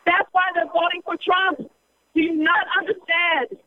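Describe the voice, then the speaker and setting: Woman, street rally speaker, very high voice, emphatic and repetitive, dull lo-fi sound. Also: steady tone, a little slow, noisy background. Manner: emphatic, repetitive, rhetorical questions at listeners. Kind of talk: impassioned political speech. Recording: dull lo-fi recording.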